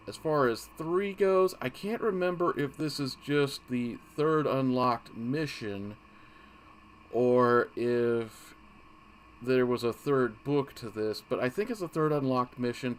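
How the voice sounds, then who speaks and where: A gaming channel host with a clear, resonant, medium-pitched voice runs a casual game walkthrough. He rambles, gets sidetracked easily and often breaks off mid-thought.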